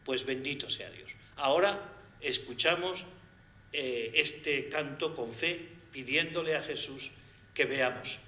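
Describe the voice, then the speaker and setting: A man with a Spanish accent, a priest speaking gently and haltingly as he introduces a song during a homily. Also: medium pitch, reverberant. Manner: halting, gentle pastoral speech with many pauses.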